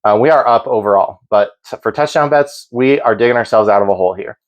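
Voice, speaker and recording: A man's voice: medium pitch, fast. A man hosting a sports betting show, giving informal, opinionated commentary in a conversational way.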